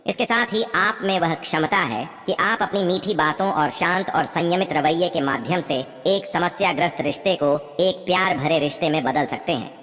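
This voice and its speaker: A woman reading a scripted horoscope in a steady way, often calling the listeners her friends. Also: lowish voice, moderate pace, hardly any pauses, big-room sound. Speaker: horoscope presenter.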